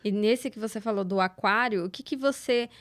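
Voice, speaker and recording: A woman's voice: medium pitch, a little fast. A woman hosting a podcast in a studio, asking curious and encouraging questions. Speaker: podcast host. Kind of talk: casual podcast interview.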